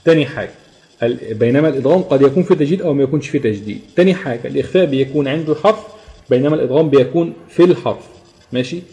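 A man with an Egyptian Arabic accent teaching a tajweed lesson at a quick clip. His tone is mellow and dark. He explains step by step, keeps checking in with the class and drags out each example as he chants it. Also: mid-range voice. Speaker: Quran recitation teacher. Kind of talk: live online tajweed lesson.

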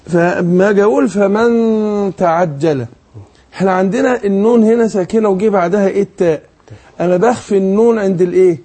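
A man with an Egyptian accent leads a Quran recitation lesson in a raised but mellow voice. He explains each rule patiently and keeps asking his student to fill in the answers. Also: high voice. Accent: Egyptian Arabic. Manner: explains patiently, asks leading questions, demonstrates slow recitation. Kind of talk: tajweed lesson.

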